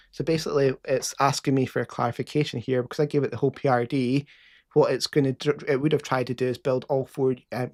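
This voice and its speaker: A man's voice: medium pitch, darkish tone. A man with a Scottish accent casually explaining a live coding session as host, with frequent fillers and restarts.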